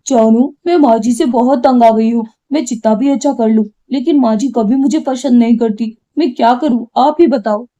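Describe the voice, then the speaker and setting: A woman voicing a tearful, quarrelsome young wife in a cartoon, with a complaining, sharp-tongued manner. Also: fairly high pitch, moderate pace, few pauses, lightly acted. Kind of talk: cartoon voice acting.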